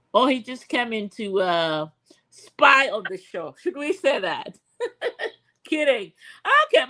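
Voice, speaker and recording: A woman's voice: sits high, bright, forceful tone. A woman with a Zambian accent casually hosting a live show in a playful, teasing way. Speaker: host.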